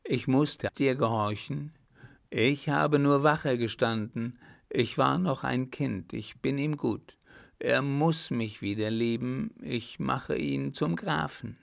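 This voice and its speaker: A man's voice: mid-range voice, fairly even intonation, unhurried, vocal fry. A man voicing a defiant, scornful young female tightrope artist in an audiobook. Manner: sharp, sneering retorts. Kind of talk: audiobook character voice.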